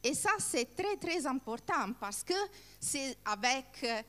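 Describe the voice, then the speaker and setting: A woman trainer speaks in a fairly high voice at a slow pace. She searches for words in non-native French as she leads a workshop. Long reverb from a hall surrounds her. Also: expressive, sharp tone. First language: not French. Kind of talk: informal workshop presentation with questions to participants.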